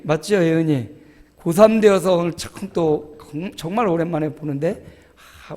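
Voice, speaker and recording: A male pastor preaching a sermon in a church, telling stories in an animated way and acting out groans and quotes. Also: high-pitched, big-room sound. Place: church sanctuary.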